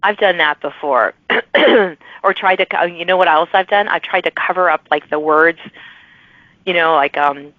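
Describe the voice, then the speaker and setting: This podcast host has a voice on the low side and keeps a moderate pace, with no room sound at all. She rambles through a casual interview chat, restarting often, in dry, dull lo-fi audio.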